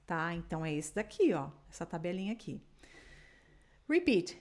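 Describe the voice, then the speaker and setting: A woman from Brazil teaching an English lesson in Portuguese, patiently drilling words slowly for the listener to repeat. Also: fairly low pitch, sing-song, a little mellow. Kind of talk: online language lesson.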